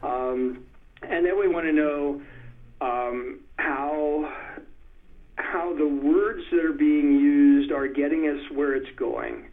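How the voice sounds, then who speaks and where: A man with a fairly high voice explains poetry over a tinny phone line. He talks in a thoughtful, hesitant way, full of pauses and fillers. When he recites verse he slows down and stresses each beat. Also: steady tone. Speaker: poetry expert guest. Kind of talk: conversational interview.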